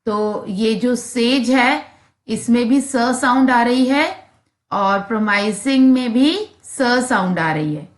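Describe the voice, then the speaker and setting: A woman's voice: fairly high pitch, takes it slowly, roomy sound. A woman teacher, reading English textbook lines and explaining them in Hindi, sounding out letters for the children.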